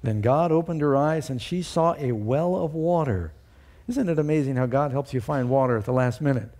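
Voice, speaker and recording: A middle-aged pastor preaching a storytelling sermon in a warm, mellow man's voice. He lifts his voice high and loud whenever he quotes scripture, then drops back to an easy narrating tone. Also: normal speed.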